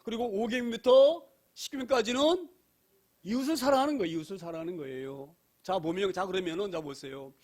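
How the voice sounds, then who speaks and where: A man's voice: high-pitched, fairly quick, a little mellow. A middle-aged male pastor preaching a sermon in a church, stressing each point with repeated phrases, rhetorical questions and cries of hallelujah. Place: church sanctuary.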